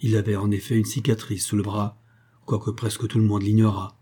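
A man narrating a classic novel in a measured, even reading voice. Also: on the low side, husky. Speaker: audiobook reader. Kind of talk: scripted narration.

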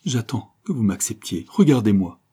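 A man's voice: on the low side, sing-song, normal speed, mellow, slightly rough. A man reading an audiobook, voicing a passionate young bourgeois woman in an impassioned, declamatory way. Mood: pleading. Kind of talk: audiobook character voice.

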